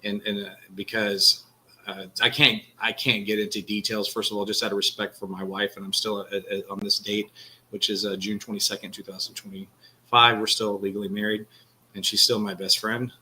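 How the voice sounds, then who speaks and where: Texan man, bright forceful voice. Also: fairly low pitch, little pitch movement, normal speed, a little hiss or hum, poor audio. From Texas. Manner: earnest, rambling, says "bro" and "man". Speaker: podcast co-host. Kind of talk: casual candid conversation.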